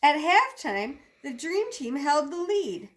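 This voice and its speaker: Lady teacher doing storytime, really high voice, slow and super animated, talks to the kids. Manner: expressive, emphatic sound words, simple asides to children. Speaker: teacher reading aloud. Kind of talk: animated children's storybook read-aloud.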